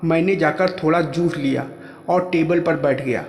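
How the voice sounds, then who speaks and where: A man telling a first-person story in plain, steady narration. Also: a little high, normal speed. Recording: echoey room with long reverb.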